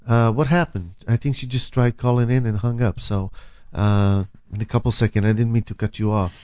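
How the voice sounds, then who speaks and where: A man's voice: mid-range voice, fairly even intonation, brisk, mellow, dry recording, lo-fi sound. Laid-back male radio host. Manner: easygoing, brief affirmations. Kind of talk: radio talk show chat.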